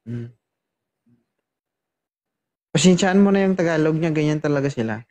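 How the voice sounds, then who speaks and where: A man's voice: on the high side, expressive, normal speed, dark tone. A man hosting a matchmaking show, bantering and teasing his guests. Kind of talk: casual chat.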